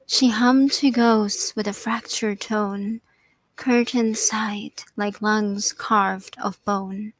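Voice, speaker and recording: A young woman reads a poem aloud in a measured, expressive way. Her pace is unhurried, each line given weight. The sound is dry and close. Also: medium pitch, no room sound. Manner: slow, deliberate, expressive reading. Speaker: poet and reader, voice dubbing artist. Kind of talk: poetry reading and casual chat.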